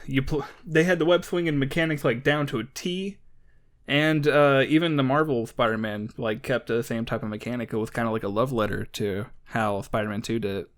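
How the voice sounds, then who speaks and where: A man's voice: medium pitch, fairly even intonation, brisk. A young man co-hosting a casual chat, laid-back and trailing off now and then. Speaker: co-host.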